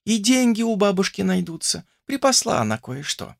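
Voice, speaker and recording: A man reading an audiobook voices a gentle, fatalistic young woman who speaks softly and tenderly. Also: high-pitched, big pitch swings, normal speed, creaky, no echo, clean studio sound, voice pushed up, heavily acted. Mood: calm. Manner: soft, tender, quietly insistent.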